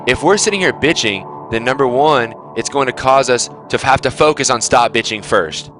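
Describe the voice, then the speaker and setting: Young male team captain, blunt lecturing pep talk with plenty of swearing, mid-pitched, faint music under him. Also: normal speed, a bit bright.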